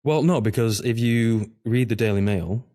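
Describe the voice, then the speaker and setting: A man's voice: medium pitch, normal speed, mellow. A man from Manchester, co-hosting a podcast in casual chat, dry and joking with frequent ums. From North of England, Manchester. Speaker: podcast co-host. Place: podcast studio table.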